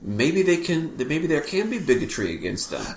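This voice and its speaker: A man's voice: on the high side, very animated, moderate pace. A man co-hosting a podcast in casual chat, agreeing with and building on his partner's points. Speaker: podcast co-host. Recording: roomy with faint background noise.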